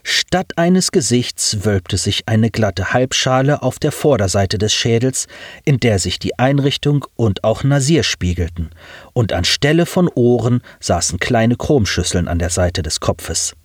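A male narrator reads a science fiction audiobook with a lively, rising and falling melody. He tells the story at a measured pace in a middle register. The sound is dry and close, as in a booth. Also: mid-range voice, husky, dry recording.

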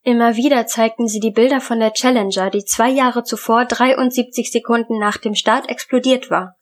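A woman with a fairly high voice narrates a dark short story as an audiobook reader. Her reading is even and measured, scripted and deliberate.

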